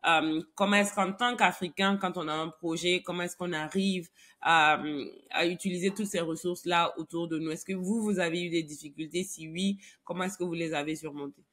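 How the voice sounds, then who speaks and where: A woman's voice: fairly low pitch, fairly even intonation, fairly quick, fairly bright tone. A woman hosting an interview, asking long winding questions with fillers. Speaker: interview host.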